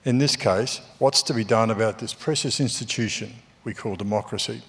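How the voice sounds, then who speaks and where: A man, a former newspaper editor, moderating a panel discussion on a theatre stage and speaking in a measured way with frequent ums and uhs. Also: lowish voice, a bit bright. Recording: theatre hall reverb.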